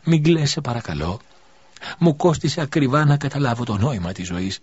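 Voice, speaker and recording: A man's voice: medium pitch, animated, a little mellow, dry recording, pitched above the performer's own voice. A man voicing a dying widow, faint and pleading. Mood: tender farewell. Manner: faint, pleading, breathy delivery. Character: dying widow mother, weak and tender. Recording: dull lo-fi recording.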